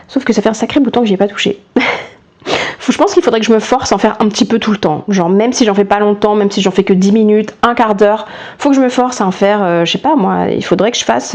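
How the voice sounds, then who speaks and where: Casual woman vlogger, higher register, self-deprecating and talkative, lapel mic at home. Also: a little mellow. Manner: chatty, self-mocking, lots of restarts and fillers. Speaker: cross-stitch vlogger. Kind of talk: casual chat.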